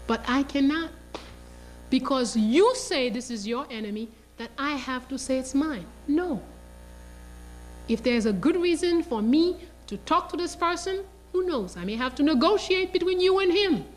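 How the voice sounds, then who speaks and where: A woman voicing a calm, firm young woman who speaks quietly and steadily. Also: high-pitched, normal speed, slight background noise, low-quality recording.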